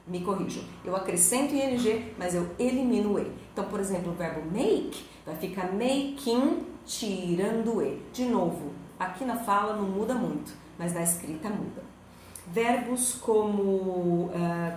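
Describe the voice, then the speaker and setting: A woman English teacher with a Brazilian Portuguese accent, giving a recorded school lesson that explains grammar step by step and asks rhetorical questions. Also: medium pitch. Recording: very echoey room, faint noise.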